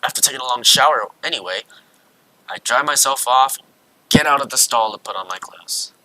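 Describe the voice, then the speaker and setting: A man's voice: medium pitch, fairly quick, pushed and bright. A man streaming, reading a visual novel aloud with casual, self-mocking asides. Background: faint game music.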